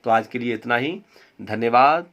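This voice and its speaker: A man's voice: medium pitch, normal speed, fairly bright tone, muffled recording. A man teaching a Hindi grammar lesson, repeating words and asking and answering his own questions. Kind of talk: classroom lesson.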